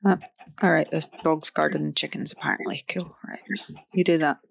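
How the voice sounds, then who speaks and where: A woman's voice: low voice, steady tone, fairly quick, creaky, no room sound. A woman chatting casually while playing a game, playful and teasing, throwing in little sound effects. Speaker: gamer. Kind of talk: casual gaming chat.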